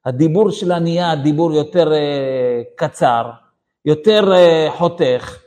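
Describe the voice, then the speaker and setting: A rabbi teaching a lesson to a live audience, telling a story and acting out scenes in different voices. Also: male voice, on the high side, darkish tone.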